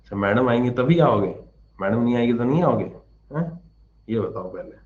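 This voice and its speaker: A man's voice: medium pitch, animated, moderate pace, a little mellow, dull audio. A man teaching a live online class, answering viewers' questions in a chatty, joking way and explaining patiently.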